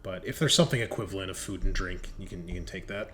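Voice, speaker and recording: Speaking at a quick pace with a sharp tone, a lowish-voiced man acts as game master for a tabletop roleplaying session. His descriptions are conversational and sprinkled with casual swearing, over faint background noise.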